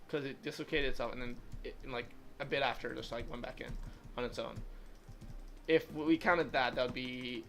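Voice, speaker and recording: Over a little hiss or hum, a mid-range, fairly bright male voice comes through: an eighteen-year-old livestream host chatting as he games. He rambles casually and leans heavily on "like" as a filler.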